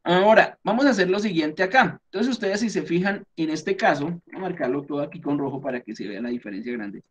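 High-voiced Colombian man teaching a class. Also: lively intonation, a little fast, husky, muffled recording. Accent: Colombian Spanish. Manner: patient step-by-step explaining, frequent fillers and check-ins. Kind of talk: explaining a class lesson.

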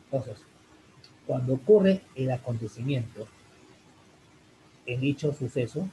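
A man teaching an online English class in Spanish, answering a student's question in a rambling way with many fillers, addressing the students warmly as "chicos". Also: medium pitch, animated, slow, slight background noise, rough recording. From Peru. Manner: rambling, full of fillers like "en este caso" and "chicos".

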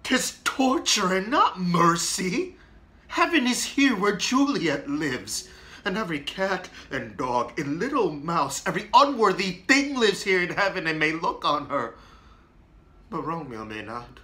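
A man acts a lovesick young exile in a classical stage monologue. He declaims in impassioned anguish. The voice is bright and forceful, sits a little high and swings widely in pitch. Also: very animated, measured pace, exaggerated voice. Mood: aching, bitter. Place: small plain room indoors.

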